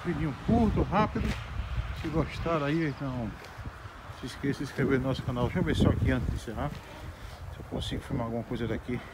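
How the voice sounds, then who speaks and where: A middle-aged Brazilian man narrates a casual walking vlog outside by a roadside building, holding his phone at arm's length. He speaks fast in a mid-range voice. Wind and traffic make the outdoor recording very noisy.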